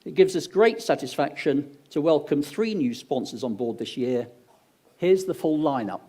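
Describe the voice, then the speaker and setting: On stage at an event venue, a man with an English accent hosts an awards ceremony, reading out sponsors at normal speed. His voice is fairly high with a dark tone and lively intonation, and he's upbeat, cracking jokes to the crowd.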